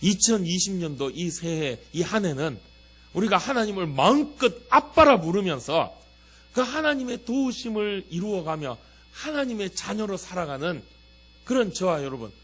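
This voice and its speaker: A middle-aged man giving a sermon as a pastor, preaching in a lively way and acting out a child's pleas and God's warm answers. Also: high-pitched, moderate pace, slightly rough, faint music behind.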